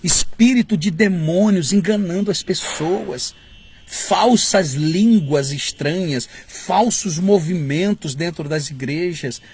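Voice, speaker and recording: A man's voice: high voice, slow, a little mellow, a little hiss or hum. A man with a Brazilian Portuguese accent preaching a fervent sermon, building to emphatic, mocking peaks. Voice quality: very husky. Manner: fervent, rising to emphatic bursts and mocking mimicry.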